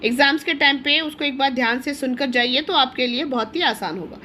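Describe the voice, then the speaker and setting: High-voiced woman teaching grammar. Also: a little fast, sharp tone, slight background noise. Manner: explains step by step, asking and answering her own questions; addresses students as children. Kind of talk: classroom-style grammar lesson.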